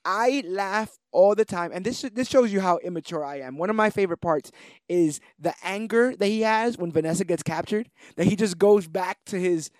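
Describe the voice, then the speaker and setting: A man's voice: high-pitched, moderate pace, darkish tone, dry recording. A man co-hosting a podcast in casual film chat, acting out movie lines and laughing often. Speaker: podcast co-host.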